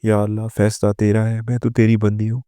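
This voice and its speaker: A man voicing a quiet, patient and pious older mother-in-law in a spoken moral story, his voice low and dark. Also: monotone, smooth, no echo, clean studio sound, close to an everyday voice. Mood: prayerful.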